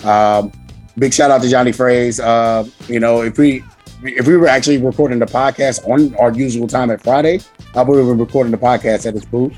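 Hoarse, worn-out male podcast host. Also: mid-range voice, fairly even intonation, a little fast, a little mellow, faint music behind. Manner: slangy, self-deprecating, rambling. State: hoarse, voice nearly lost. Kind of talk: casual podcast chat.

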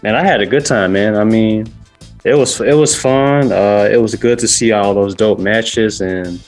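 A man's voice: fairly low pitch, normal speed, a little mellow, faint music behind. A man in casual podcast chat, talking in a slangy, easygoing way.

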